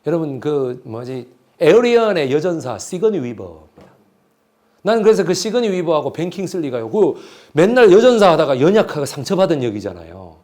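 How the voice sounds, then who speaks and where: A middle-aged man lecturing on history in a lively, swinging voice that rises somewhat high at times. He retells a story, slips into acted-out quotes and keeps asking his listeners questions. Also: a little fast. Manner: retells a play with voices, asks the audience questions.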